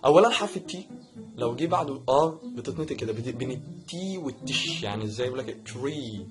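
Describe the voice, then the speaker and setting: A young man with an Egyptian Arabic accent hosting a casual English pronunciation lesson, joking and animated as he mimics mistakes. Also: mid-range voice, racing, music in the background. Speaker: English teacher, channel host.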